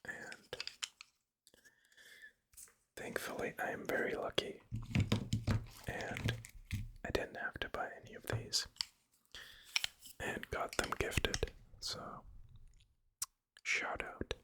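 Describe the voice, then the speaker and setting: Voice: takes it slowly, pauses often. A person whispering close to the ear in a hesitant, rambling ASMR style. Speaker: ASMR creator. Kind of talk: whispered ASMR ramble about drawing tools. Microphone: close ear-to-ear microphone.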